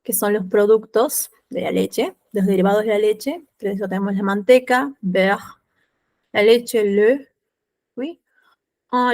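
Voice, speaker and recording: A woman's voice: medium pitch, a little mellow. Woman teacher, patient French lesson. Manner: slow and patient, repeating each French word and then its Spanish meaning. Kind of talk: online class, explaining vocabulary.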